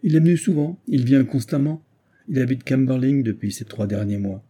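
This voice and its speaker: A man's voice: mid-range voice, a little fast, mellow, breathy edge, voice pushed up, close to an everyday voice. A man reading aloud, voicing a bitter and proud middle-aged widow who answers with cold haughtiness. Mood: haughty.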